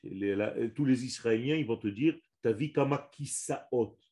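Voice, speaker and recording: Slow, dark-voiced man teaching a religious lesson. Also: medium pitch. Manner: slow, emphatic, repeats and restarts words, stresses Hebrew terms. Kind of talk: religious lesson to a small audience.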